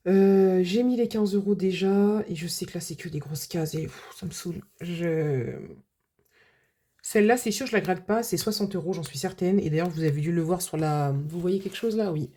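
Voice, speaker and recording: A woman's voice: lowish voice, normal speed, mellow. A woman budget vlogger chatting casually to her viewers, full of filler words and restarts. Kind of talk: casual vlog chat.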